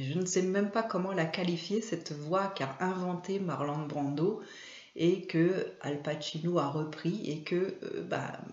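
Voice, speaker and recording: A woman hosting a casual video about films, talking hesitantly with frequent fillers and pauses. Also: sits low, darkish tone. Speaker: video host and trainer. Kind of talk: casual film commentary to camera. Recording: echoey room, slightly dull sound.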